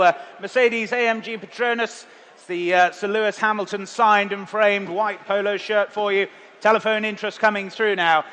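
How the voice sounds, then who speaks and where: A man's voice: sits high, pushed and bright. A man working as an auctioneer, calling bids in a repetitive chant. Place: large auction sale room. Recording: long echoing hall reverb.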